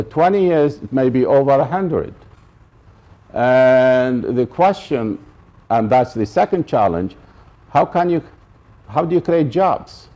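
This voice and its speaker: A man's voice: medium pitch, warm tone. A man from Iraq gives a college lecture, stressing and repeating his key points and checking that the audience follows. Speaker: professor giving a public talk.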